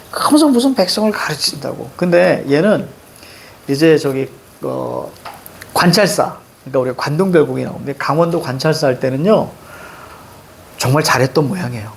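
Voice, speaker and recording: Gravelly-voiced woman teaching a class. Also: deep voice, very animated, slight background noise. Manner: chatty, jokey, reads verse slowly. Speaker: Korean literature teacher. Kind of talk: classroom lecture.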